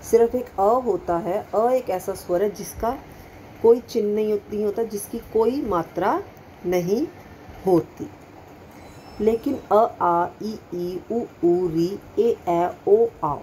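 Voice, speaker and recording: Slow, patient woman teaching children. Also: medium pitch, dark tone, slight background noise, poor audio. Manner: patient, repeats and quizzes with questions. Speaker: primary school Hindi teacher. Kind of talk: slow classroom lesson addressing children.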